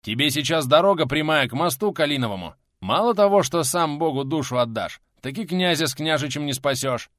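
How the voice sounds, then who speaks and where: Male narrator playing a loud, slow-talking bearded warrior with a swinging voice, dry close sound. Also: mid-range voice, expressive, dry recording, natural voice. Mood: scolding.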